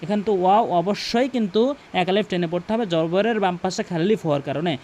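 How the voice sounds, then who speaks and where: High-voiced man teaching Quran recitation. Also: darkish tone, a little hiss or hum. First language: Bengali. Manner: repeats words slowly and drawn out for practice. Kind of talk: recitation lesson.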